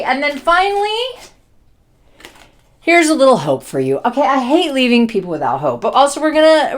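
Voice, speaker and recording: Animated, blunt joking woman tarot reader. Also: lowish voice. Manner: blunt, joking, swears freely. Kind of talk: casual tarot reading.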